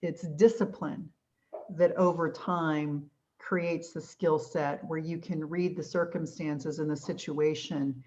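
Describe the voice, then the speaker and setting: A woman's voice: low voice, steady tone, slow, warm tone, slight background noise. A tired woman on a video call in a casual group discussion, chatty and searching for her words. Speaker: study group member. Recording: muffled video call audio.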